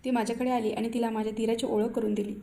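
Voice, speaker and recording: Warm-voiced woman telling a story. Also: fairly high pitch, flat delivery, quick pace, vocal fry. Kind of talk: first-person story narration.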